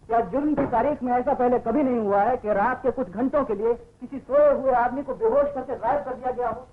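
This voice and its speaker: A defiant young murder suspect. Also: male voice, high-pitched, fast talker, breathy edge. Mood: pleading. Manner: impassioned, argumentative. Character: young man accused of murder, defiant then pleading. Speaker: accused suspect. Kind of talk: 1950s film acting. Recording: dull old film soundtrack with faint hiss.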